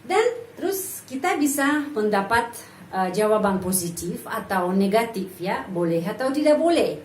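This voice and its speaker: A woman's voice: medium pitch, very animated, normal speed, a little mellow, slight background noise. A woman giving a language lesson, explaining patiently and repeating example phrases. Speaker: language teacher. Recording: echoey room, voice from off-mic.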